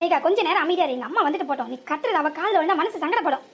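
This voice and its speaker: A woman's voice: very high voice, animated, very fast. A woman voicing a meek young village husband in a cartoon, with a southern Tamil accent and a placating way of talking. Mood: hushing. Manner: placating, pleading for quiet. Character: meek young village husband caught between wife and mother. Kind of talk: cartoon voice acting.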